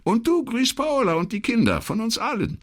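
A man voicing an older grandmother on the phone, friendly and chatty, in a raised, lively voice. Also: normal speed, heavily acted. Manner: cheerful, lively high voice.

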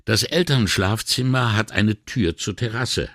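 A man voicing a calm, thoughtful middle-aged male police commissioner in an audiobook, measured and reasoning. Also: lowish voice, no echo, studio quality, pitched above the performer's own voice. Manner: measured and reasoning, gently wry. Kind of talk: audiobook character reading.

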